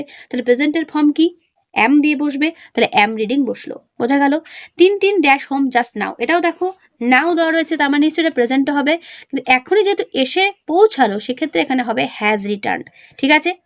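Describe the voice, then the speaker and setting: A woman's voice: high voice, animated, no echo, muffled recording. A woman with a Bengali accent teaching an English revision lesson step by step, asking questions and answering them herself. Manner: reads example sentences slowly.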